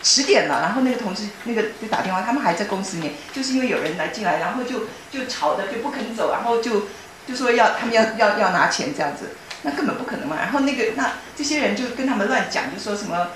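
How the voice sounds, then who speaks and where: A woman giving a personal testimony in a church hall, telling her story earnestly and excitably, often restarting her sentences. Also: medium pitch, quick pace, a little hiss or hum.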